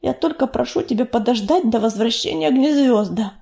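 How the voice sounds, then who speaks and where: A cautious young tom-cat warrior from a storybook, read by a woman. He speaks firmly and measuredly, holding his ground. The voice still moves with a lively lilt. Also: a little high, creaky. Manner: firm, measured, at times snapping.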